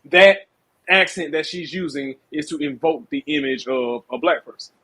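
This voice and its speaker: A man's voice: fairly high pitch, normal speed, pushed and bright, slightly rough. A man hosting a casual podcast chat over a video call, blunt, profane and heated. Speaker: podcast host.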